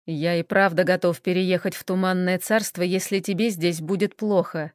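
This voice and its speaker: A woman voicing a calm, cocky young male dragon lord with a low, slow, unbothered drawl. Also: no room sound, studio quality, natural voice. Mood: tender.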